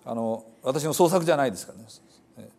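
A man's voice: mid-range voice, lively intonation, quick pace, gravelly, a little mellow. Chatty male pastor preaching. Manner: conversational and explanatory, many fillers. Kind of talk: sermon.

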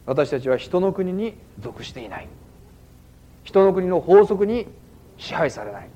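Animated man preaching a sermon. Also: high-pitched, a little slow. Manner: conversational preaching with frequent "ano" fillers. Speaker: pastor.

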